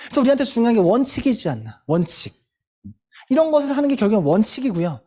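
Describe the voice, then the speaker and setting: Lively emphatic woman giving a pep talk. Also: on the high side, quick pace, breathy edge. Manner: emphatic, repeats rhetorical questions. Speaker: sales team leader. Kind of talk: motivational group meeting talk.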